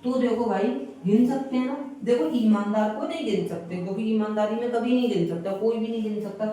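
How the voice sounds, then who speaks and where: A male English teacher with a high, mellow voice gives a classroom grammar lesson a little fast, repeating key phrases and quizzing the class. The room is very echoey, his voice is far from the mic, and there's faint hiss.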